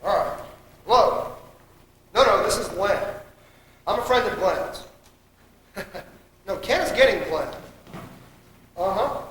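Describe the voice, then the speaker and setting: A young actor plays a wealthy man who is sarcastic and quickly outraged. The voice is very high and bright. It sounds far from the mic, in a big echoey auditorium. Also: lively intonation, a little hiss or hum, exaggerated voice. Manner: sarcastic, whiny and indignant. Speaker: actor in a high school play. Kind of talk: amateur stage acting.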